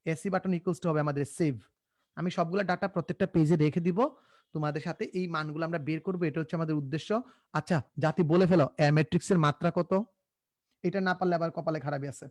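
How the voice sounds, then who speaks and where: A man's voice: a little high, steady tone, brisk, a little mellow, no echo. A young man from Bangladesh, teaching a live online class in a casual, joking way, often repeating himself and coaxing students to answer.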